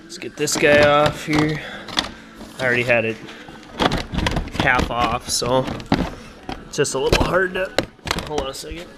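Young guy from Minnesota, unhurried and casual, full of ums, filming his own sled tour on a head-mounted camera in a garage. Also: fairly high pitch, over loud music. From Minnesota, USA. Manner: relaxed and unhurried, many "uh" and "um" fillers. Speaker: snowmobile vlogger. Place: indoor garage workshop. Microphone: head-mounted action camera.

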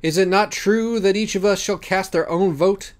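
A man voices a grave, pompous judge of souls in an audiobook, speaking formally and rhetorically in mock-classical dialogue with a ceremonious mood. His high voice is pushed up and lightly acted at normal speed.

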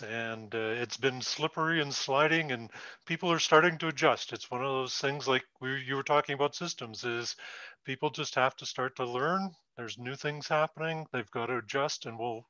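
A man from Canada, a guest on a live stream, explaining ideas in a measured, plainspoken way. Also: medium pitch, pushed and bright, no echo, highs cut off. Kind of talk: casual interview.

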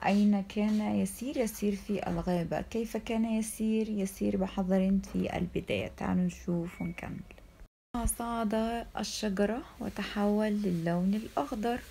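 A woman's voice: medium pitch, fairly even intonation, normal speed, gravelly, warm tone, slight background noise. A woman with an Egyptian accent teaching an Arabic lesson to young pupils, asking questions and leaving sentences open for them to finish. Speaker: primary school Arabic teacher. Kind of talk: recorded classroom lesson.

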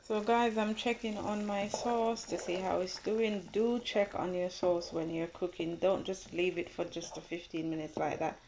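A woman with a fairly low, darkish voice hosts a casual cooking tutorial in her home kitchen by the gas stove, speaking at normal speed with fairly even intonation and hardly any pauses. She chats away, repeating steps for viewers she calls "guys." It's dull lo-fi phone audio with background noise.

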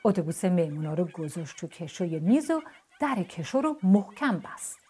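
A woman reads a children's bedtime story in a soft, hushed, gentle manner. Her voice sits low and mellow, with a breathy quality. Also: very animated.

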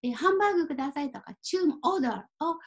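A woman teaching a Japanese kanji reading lesson, speaking slowly and carefully, mixing in simple English explanations. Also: high-pitched, animated. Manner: apologizes and laughs at her own typo.

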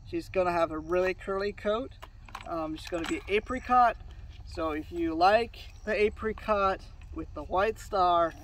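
A hoarse man, a dog breeder, presenting puppies in a fond, rambling way with many fillers and restarts. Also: sits high, fairly bright tone, far from the mic, slight background noise. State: hoarse from sinus trouble. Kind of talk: casual on-camera puppy showcase.

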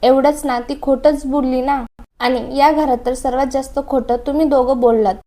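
A woman reading the lines of an angry young man who bitterly accuses his family, in her own high voice. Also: steady tone, moderate pace, warm tone. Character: angry young man defending jailed wife.

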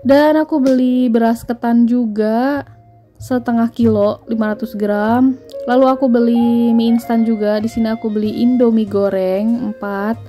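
Woman, grocery vlog voice-over, chatty, dark tone, faint music behind. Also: a little high, steady tone, unhurried. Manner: chatty, matter-of-fact, listing prices. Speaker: vlogger. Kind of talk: grocery haul voice-over narration.

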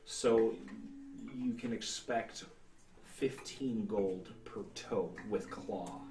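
A man's voice: fairly low pitch, very slow, darkish tone, a little hiss or hum. A man in his thirties narrating a tabletop role-playing game as game master, explaining things somewhat hesitantly. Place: indoor room, seated at a table. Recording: roomy sound, distant mic.

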